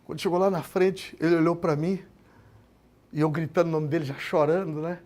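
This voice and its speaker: A man, a pastor, giving an emotional testimony sermon, speaking to his listeners as brothers and swinging from quiet storytelling to loud proclamations. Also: a little high, fairly even intonation, fairly quick. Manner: impassioned, addresses listeners as brothers.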